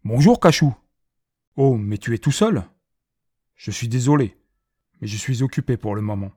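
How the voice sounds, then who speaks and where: Storybook barber, hurried but kind, man plays him. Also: mid-range voice, dark tone, close to an everyday voice. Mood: cheerful busy. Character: busy friendly male barber.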